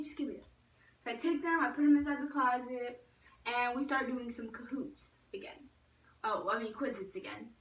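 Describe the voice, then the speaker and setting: Bright-voiced young woman in an echoey room. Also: fairly high pitch, distant mic. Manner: chatty storytelling, acting out quoted voices loudly. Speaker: vlogger. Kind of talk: casual storytime vlog.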